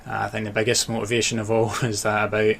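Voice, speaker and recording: Here a low, even-voiced Scottish man talks at a quick pace in a casual radio interview. He is an author and sports journalist from Dundee whose accent mixes Dundee, Glasgow and Edinburgh; background noise is clearly audible.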